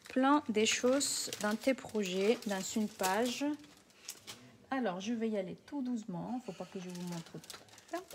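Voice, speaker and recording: Woman, non-native French accent, slow and chatty, craft live stream, faint hiss behind. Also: medium pitch. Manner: chatty, talks viewers through each step. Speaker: craft demonstrator.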